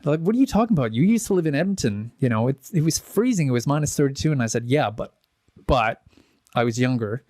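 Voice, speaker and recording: In a dry recording, a man in his forties from the Czech Republic speaks quickly and expressively in a darkish mid-range voice. He's a pianist and composer giving a casual interview, rambling, correcting himself and laughing at his own stories.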